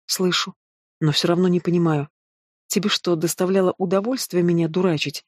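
A man's voice: sits high, fairly even intonation, fairly quick, dry recording, clean studio sound. Tearful hurt young woman, a guy narrator putting her on, lightly raised voice.

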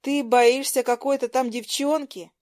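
A woman voicing an indignant, hot-tempered teenage schoolgirl who shouts her lines sharply. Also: medium pitch, a little slow, no room sound, studio quality, lightly acted. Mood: furious, indignant.

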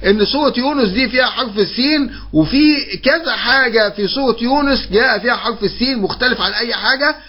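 A man teaching an online Quran memorization lesson with an Egyptian Arabic accent. He asks questions and answers them himself, explaining patiently and repeating points with drawn-out fillers. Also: very high voice, lo-fi sound. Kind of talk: recorded online course lesson.

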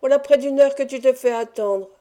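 A woman voicing a spiteful old female nurse who scolds in a shrill, railing voice. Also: steady tone, normal speed, warm tone, lightly acted. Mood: scolding.

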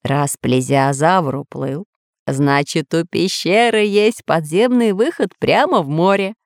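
Casting: deep-voiced, patient old scientist, put on by a woman storyteller, calm and explaining. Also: slow, no room sound, studio quality. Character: calm, wise old male professor scientist.

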